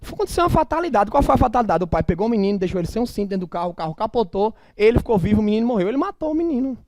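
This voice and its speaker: A middle-aged male teacher with a Northeastern Brazilian accent gives a classroom lecture in a high voice that leaps up and down. He is emphatic and colloquial and throws in blunt asides. The sound is dry and close. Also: very animated, rapid-fire, darkish tone, no room sound.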